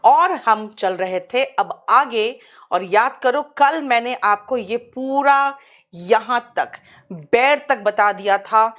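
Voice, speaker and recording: Woman English teacher, slightly high and very expressive voice, leisurely pace, calls her students beta, mixes English terms into her explanations. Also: slow. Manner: addresses students as beta, scolding and coaxing. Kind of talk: online class lecture.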